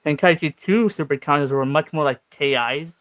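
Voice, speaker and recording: A man's voice: fairly high pitch, moderate pace, fairly bright tone, dry recording. A man speaking with braces in his mouth, giving his view casually as a guest in a gaming debate.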